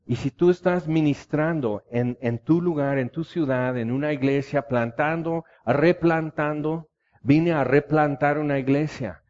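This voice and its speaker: Man preaching, warm dull recording. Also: mid-range voice. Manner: impassioned storytelling preaching. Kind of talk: sermon.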